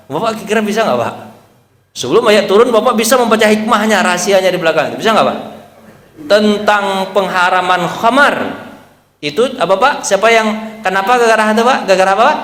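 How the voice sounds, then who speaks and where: A man's voice: high voice, fairly bright tone. A man preaching a sermon in a mosque, talking in a conversational way and often turning to the congregation with questions. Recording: echoey hall reverb.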